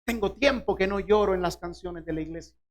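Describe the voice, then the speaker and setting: A man's voice: high-pitched, a little fast. Man preaching, pressing the congregation with questions. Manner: questions the listeners directly, acts out short biblical dialogues. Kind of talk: sermon.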